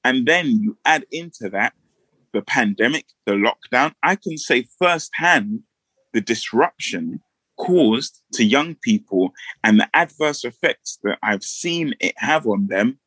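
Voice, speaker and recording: A man's voice: mid-range voice, lively intonation, unhurried, bright, forceful tone, slightly rough, no room sound, low-quality recording. A male panel guest speaking earnestly, with hesitant phrasing and frequent fillers. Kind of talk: casual panel chat.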